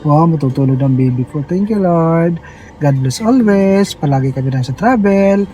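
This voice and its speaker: A man talking casually in a vlog from inside a parked car, switching between chatting to viewers and gently cooing to soothe his baby. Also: animated, moderate pace, faint music behind, low-quality recording. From Philippines. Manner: soothing and cooing, high and sing-song. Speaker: farming vlogger and father.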